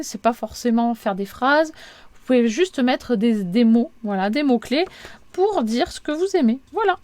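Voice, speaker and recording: A woman's voice: high voice, dry recording. A woman giving an informal, step-by-step craft tutorial, chatty and a little apologetic, often repeating and checking herself.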